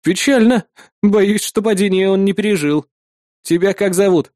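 A man's voice: high-pitched, moderate pace, darkish tone, no room sound, studio quality, pitched above the performer's own voice, lightly acted. A man doing a cold armored villain. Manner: cold, menacing.

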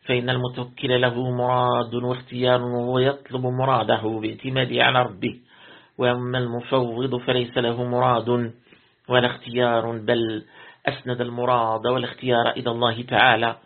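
A man, a sheikh, reads a religious commentary aloud as a lesson, in a gravelly voice. He reads steadily, repeating words when he corrects himself. The recording is tinny and lo-fi, like a phone line. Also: mid-range voice, level tone, fairly quick. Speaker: sheikh reading and explaining a commentary.

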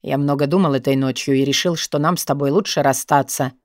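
A brooding, dominant man, as a woman narrator puts him on, lowering her voice into a calm, weary, measured register. Each line sounds firm and tired. The recording is close and dry, with no room around it. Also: no room sound.

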